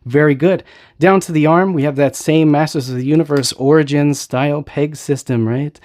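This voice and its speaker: A man's voice: fairly high pitch, steady tone, normal speed, darkish tone. Enthusiastic man reviewing action figures. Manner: enthusiastic, rambling, lots of "right?" and fillers. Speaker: toy reviewer host. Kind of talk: casual unboxing review.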